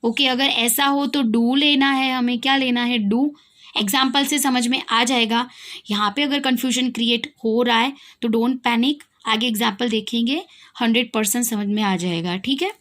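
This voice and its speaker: A woman's voice: on the high side, fairly even intonation, moderate pace, a bit bright. A young woman with an Indian accent teaching an English grammar lesson, asking her students questions and answering them herself. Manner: asks questions and answers them herself, repeats key points.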